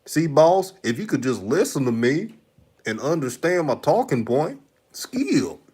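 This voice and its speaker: With a fairly high pitch, big pitch swings, and a slightly slow pace, this Houston, Texas man sounds a little mellow with a breathy edge. He hosts a live stream in a slight Texan accent, chatting loosely, reading comments, and laughing frequently.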